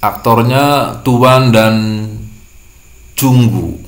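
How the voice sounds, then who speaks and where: A man's voice: medium pitch, very slow, echoey room. A man teaching a language lesson, patiently repeating and translating each word. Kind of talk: classroom-style lesson explaining vocabulary.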